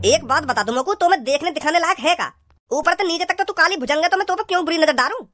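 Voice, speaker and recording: A woman's voice: very high-pitched, lively intonation, music in the background. A woman voicing a rude, mocking young man in a cartoon, with rustic, dismissive banter. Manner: scornful, rapid rustic banter. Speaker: cartoon character Bhajji.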